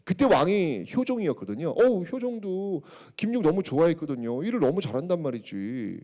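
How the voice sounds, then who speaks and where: A man giving a public history lecture, telling the story in an animated way, acting out quotes and checking in with the audience. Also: on the high side, brisk.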